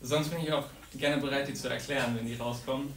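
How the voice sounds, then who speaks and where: A man's voice: mid-range voice, fast. A young man from Saxony giving an informal, earnest sermon, acting out the psalm's lines with feeling. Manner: earnest, animated, acts out psalm voices. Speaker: preacher. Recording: echoey room, distant mic, noisy.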